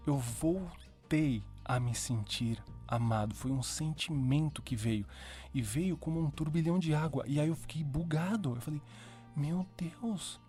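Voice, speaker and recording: A man's voice: mid-range voice, darkish tone. A man giving a casual, heartfelt personal faith testimony as a podcast host, full of slangy fillers.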